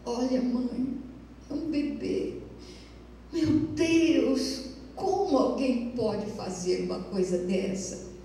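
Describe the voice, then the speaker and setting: A woman's voice: fairly high pitch, animated, takes it slowly, gravelly, warm tone, slight background noise, voice pushed up, heavily acted. A woman voicing an earnest young man just out of a sanatorium, pleading and insistent with his mother, recorded with a far mic in an echoey hall.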